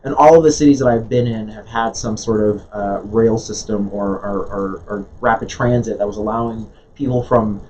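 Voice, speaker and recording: A man's voice: fairly low pitch, fairly even intonation, moderate pace, hardly any pauses, darkish tone. A man born in Jamaica, a guest in an interview, talking earnestly with many restarts and fillers. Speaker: guest, nonprofit leader. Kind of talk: conversational interview. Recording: dull lo-fi sound with faint noise.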